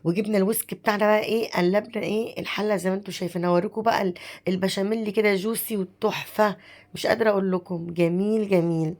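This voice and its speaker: Egyptian woman, 30s, home cooking vlogger, hoarse from a cold, rapid affectionate chatter. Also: mid-range voice, fairly even intonation. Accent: Egyptian Arabic. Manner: chatty, affectionate, addresses viewers as sister. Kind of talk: casual cooking narration.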